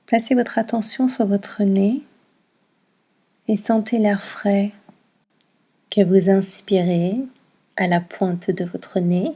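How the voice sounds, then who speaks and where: This yoga nidra teacher guides a meditation in a mellow, slightly husky voice of medium pitch that barely rises or falls. Her instructions are short and soothing, separated by long, calm pauses.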